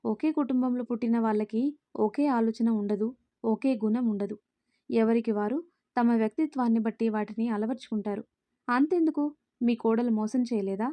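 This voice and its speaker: A woman's voice: on the high side, normal speed, mellow, dry recording, lightly acted. A woman voicing an earnest, outspoken young woman who speaks up firmly for a little girl in a spoken storybook.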